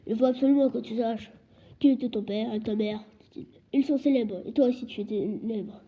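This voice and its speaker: A huge, hot-tempered man with a booming, indignant voice, as a woman reader acts him out. The tone is husky and the recording dull and lo-fi. He roars out his lines in a storybook reading. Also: brisk. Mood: gruff. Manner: loud, indignant, roaring.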